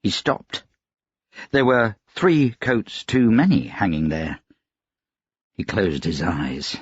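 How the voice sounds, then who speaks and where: A man narrating a fantasy audiobook in an even, measured storytelling voice. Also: low-pitched, slightly rough, dry recording, muffled recording. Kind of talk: scripted narration.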